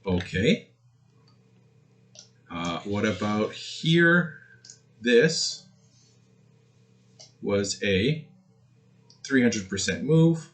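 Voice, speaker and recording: A man's voice: lowish voice, sing-song, extremely slow, long pauses. A man hosting a trading channel, giving casual chart commentary in a crypto-bro manner, mixing hype with hedging.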